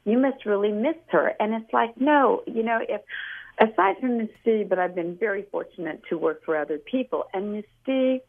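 A woman's voice: mid-range voice, moderate pace, vocal fry. An older woman from California, a guest author, speaking over a phone line in a chatty, rambling, storytelling way. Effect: heard over a phone line. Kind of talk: phone interview.

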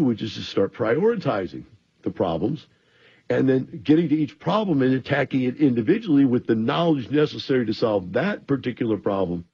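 A man's voice: mid-range voice, slightly rough, highs cut off. A man hosting a radio show, sounding a little groggy from antihistamines, explaining things directly to listeners in a rambling advice monologue.

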